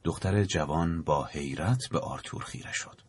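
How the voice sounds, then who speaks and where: A man narrating an audiobook in a measured, dramatic storytelling manner. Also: a bass voice, husky, no echo.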